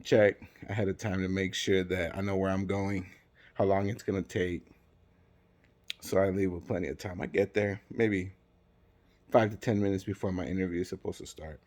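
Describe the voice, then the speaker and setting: A man's voice: low-pitched, steady tone, moderate pace, darkish tone. A man telling a personal story in a casual way, acting out the dialogue with conversational asides.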